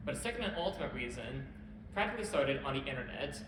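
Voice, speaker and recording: A man hosting a convention panel, presenting a history talk in a brisk, wry way with occasional self-corrections. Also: medium pitch, sing-song. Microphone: camera at a distance. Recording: echoey hall, distant camera, background hum.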